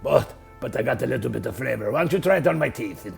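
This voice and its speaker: A man playing a gravelly, showy shark husband. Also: mid-range voice, lively intonation, fast, soft background music. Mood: suave. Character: suave flamboyant male shark husband cooking dinner. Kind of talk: comedy sketch acting.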